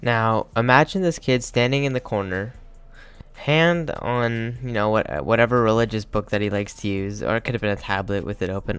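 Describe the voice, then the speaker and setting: A man's voice: lowish voice, clean tone. Rambling young man telling a crude story. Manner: rambling, crude, joking, lots of fillers. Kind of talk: casual storytelling.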